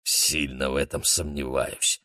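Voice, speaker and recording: A man's voice: sits low, moderate pace, no echo, lightly acted. A man reading a storybook, voicing a gloomy, matter-of-fact cook close to his own voice. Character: gloomy cook, knowledgeable and dry.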